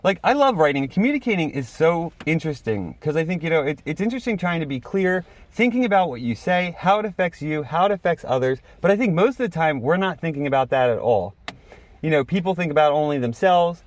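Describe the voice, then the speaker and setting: A man's voice: on the high side, animated, fast talker. A man co-hosting a podcast, talking in a reflective, rambling way and laughing often. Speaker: podcast co-host. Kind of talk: casual chat.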